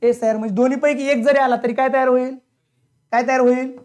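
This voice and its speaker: A man's voice: extremely high pitch, steady tone, quick pace, a little mellow, clear, resonant tone. A male teacher giving a classroom grammar lesson, drilling his students with repeated questions in a blunt, colloquial, sometimes scolding way.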